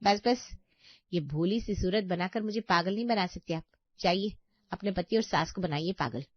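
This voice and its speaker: A woman's voice: on the low side, moderate pace, dry recording, close to an everyday voice. A woman voicing a spiteful, scheming young sister-in-law in a cartoon story, with an accusing, whiny manner. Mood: scornful. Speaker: voice actor. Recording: dry, slightly dull audio.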